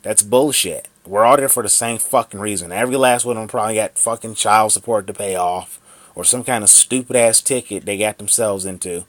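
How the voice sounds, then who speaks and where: A man in his thirties, recorded dry with no room sound, speaks briskly in a voice on the low side. He's a vlogger furiously ranting on camera, swearing a lot and saying the same things repeatedly.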